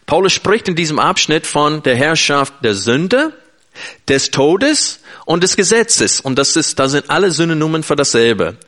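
A man's voice: fairly high pitch, very animated, unhurried, fairly bright tone. A man preaching an earnest, emphatic sermon in German, speaking directly to his listeners.

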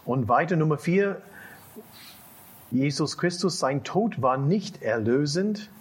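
A man interpreting a lecture consecutively, halting often and repeating key phrases. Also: a little high, expressive, husky.

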